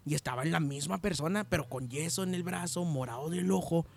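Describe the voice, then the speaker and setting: A man telling jokes in casual chat, animated and shouting the punchlines. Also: a little high, fairly quick, creaky, slight background noise. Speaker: joke teller.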